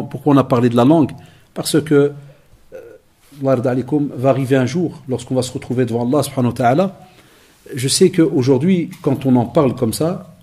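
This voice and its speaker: A man giving a lecture to young people, telling lively stories with acted-out dialogue and Arabic phrases mixed in. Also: mid-range voice, breathy edge. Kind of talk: conference talk to young people.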